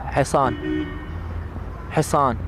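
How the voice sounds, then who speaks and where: A man with an Iraqi accent in casual game banter, blurting out guesses too loudly because he has headphones on. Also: mid-range voice, takes it slowly. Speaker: player in a headphone word-guessing challenge. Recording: clear background noise, outdoor or car ambience.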